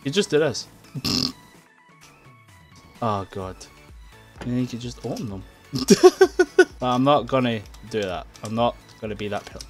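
A young man narrating his own gameplay, quick to frustration and laughter, at a desk mic near his keyboard. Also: mid-range voice, soft background music. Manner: excitable, frustrated outbursts and laughing. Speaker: gaming YouTuber. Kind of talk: let's play commentary. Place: home room at a computer.

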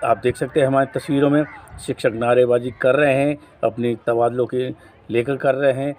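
A man's voice: medium pitch, level tone, brisk, a little mellow. A man, presenting a local news report as its host and reading out a memorandum in a formal tone.

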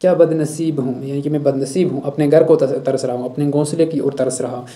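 A male teacher explaining a poem line by line, reciting each verse slowly and then explaining it with a habitual "thik hai". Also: a little high, steady tone, mellow. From Jammu and Kashmir.

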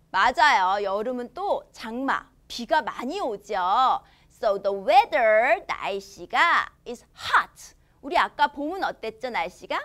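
A woman in her thirties teaches young kids English by reading a storybook in a green-screen studio. Her fairly bright, high voice rises and falls as she draws out each English phrase slowly and theatrically, following with upbeat Korean explanations at a relaxed, child-friendly pace.

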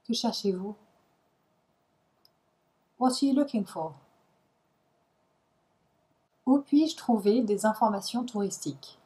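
A woman's voice: medium pitch, a little slow, warm tone, rough recording. A woman reading short phrases for a language lesson, each one followed by its translation. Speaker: language teacher.

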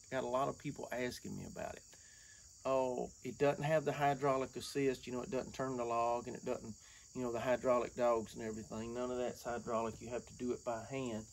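A man in his forties with a relaxed drawl, rambling folksily to camera and calling his viewers y'all. His mid-pitched voice carries a gravelly edge. He stands outdoors under an open shed, with faint insect and cricket noise behind him. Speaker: woodworking vlogger. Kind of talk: casual chat to camera.

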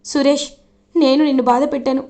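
A woman reading as a shrill, stubborn old mother-in-law. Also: level tone, fairly quick, dark tone, close to an everyday voice. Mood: remorseful.

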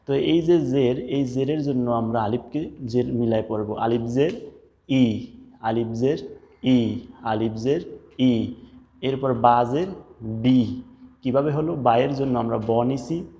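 A man of middling pitch teaches a Quran reading lesson, drilling each letter sound slowly and repeating it. His voice rings with a long reverb, as if recorded in a hall. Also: darkish tone. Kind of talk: step-by-step recitation lesson.

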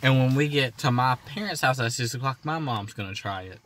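A man's voice: medium pitch, a little fast, fairly bright tone, slight background noise. A man chatting casually with friends, blunt and teasing. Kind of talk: casual chat.

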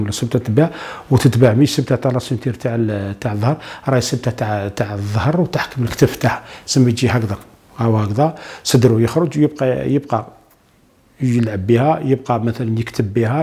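Rapid-fire Algerian doctor, dark voice. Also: male voice, medium pitch. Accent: Algerian Arabic. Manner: mixes French medical terms into dialect; lists points step by step. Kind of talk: medical explanation to TV viewers.

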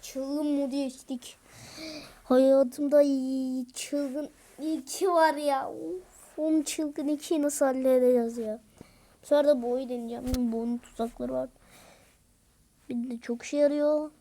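High-voiced excitable woman gamer. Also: unhurried. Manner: excitable, yells at teammates in bursts; slangy, rough-talking banter. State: out of breath. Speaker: gaming video creator. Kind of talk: casual gameplay commentary. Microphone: screen-recorded game commentary mic.

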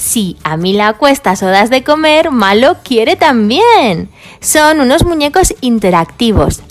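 Playing with and reviewing toys for kids, this woman explains each one cheerfully. Her fairly high voice is very animated, and she talks a little slowly.

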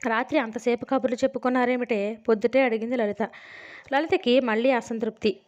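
Woman narrating a novel, lo-fi. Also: a little high. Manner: steady storytelling. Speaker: audiobook narrator. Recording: dull lo-fi sound.

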